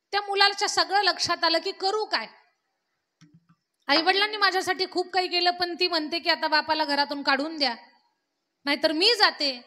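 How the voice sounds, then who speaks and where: A woman preacher tells a moral tale in rhythmic, emotive bursts. Her high voice is bright and cutting, and a long reverb trails behind it through the hall. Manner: emotive, rhythmic, repetitive phrasing. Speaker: kirtan preacher. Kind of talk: devotional storytelling sermon.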